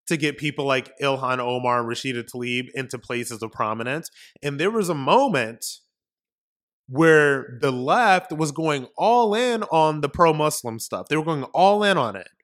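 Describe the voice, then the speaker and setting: A man's voice: a little high, animated, unhurried, a bit bright. A man hosting a political commentary podcast, talking emphatically in a ranting monologue full of repetition and rhetorical questions. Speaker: podcast host.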